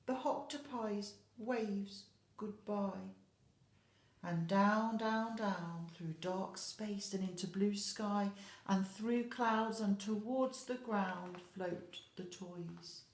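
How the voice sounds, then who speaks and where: A woman with a mid-range voice takes her time reading a picture book to young children, asking them questions and adding asides as she goes. She's an infant school teacher, and her reading is expressive. The sound is echoey, like a large indoor room.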